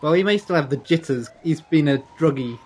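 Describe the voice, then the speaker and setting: A man's voice: a little high, fairly quick, a little mellow, breathy edge. A man chatting casually while watching a show, rambling with lots of "it's just like". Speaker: commentator reacting to a TV show. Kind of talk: casual chat.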